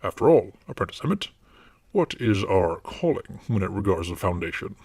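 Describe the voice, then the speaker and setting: In an audio drama, a man plays a stern, secretive paranormal investigator and mentor, speaking formally and with command in a disguised, deepened voice. His heavily acted delivery is sing-song at normal speed, with vocal fry and a darkish, slightly rough tone. There's no echo.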